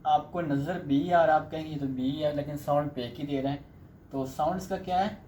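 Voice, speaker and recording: A man's voice: on the high side, brisk, darkish tone. A man teaching a Chinese pronunciation lesson, patient and repetitive, checking in often. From Pakistan. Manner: patient, repeats "theek hai" often. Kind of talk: online language lesson. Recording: echoey room with faint noise.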